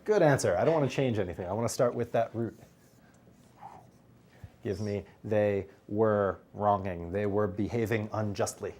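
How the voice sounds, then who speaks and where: A man's voice: lowish voice, normal speed, darkish tone. A man teaching a Greek grammar class, drilling students and joking with them. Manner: drills students, jokes and laughs. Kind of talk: classroom lesson.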